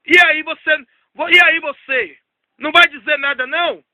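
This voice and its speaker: A man preaching a sermon, telling a story and repeating key phrases while dropping low for emphasis. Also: steady tone, moderate pace, bright, forceful tone, no room sound.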